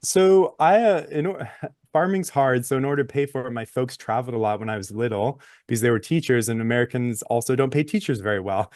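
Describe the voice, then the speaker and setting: A man's voice: medium pitch, fairly quick, darkish tone, dry recording, studio quality. A man in his thirties, a guest on a talk show, telling his story in a chatty way and laughing between phrases. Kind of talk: interview conversation.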